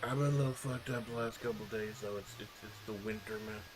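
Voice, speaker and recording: A man's voice: fairly low pitch, fairly even intonation, fairly quick, music in the background, low-quality recording. A man chatting casually on a live stream, laid-back and swearing freely, sometimes mumbling. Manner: mumbles at times.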